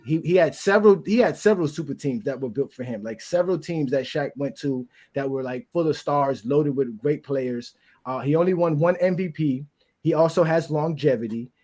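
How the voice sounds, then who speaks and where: A man leading a casual sports debate, rattling through his points at speed and laughing easily. His voice sits a little high for a man. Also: darkish tone. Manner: talks fast, laughs often. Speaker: sports talk show host.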